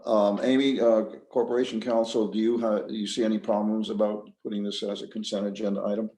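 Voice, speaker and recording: A man's voice: lowish voice, little pitch movement, fast talker, dark tone. A man chairing a public meeting as board chair, speaking in a businesslike, procedural way. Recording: roomy, echoey meeting audio.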